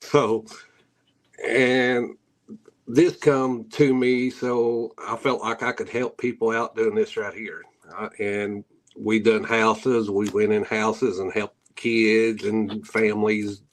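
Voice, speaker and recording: Low-voiced man with a hillbilly Appalachian drawl. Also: flat delivery, slow pace. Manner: folksy, rambling, rural grammar. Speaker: guest, paranormal investigator. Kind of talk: casual interview storytelling.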